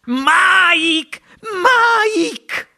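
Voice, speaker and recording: A man doing a shrill, wailing panicked mother. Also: lively intonation, very slow, vocal fry, sharp tone, exaggerated voice. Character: frantic mother, shrill and tearful. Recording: music playing underneath.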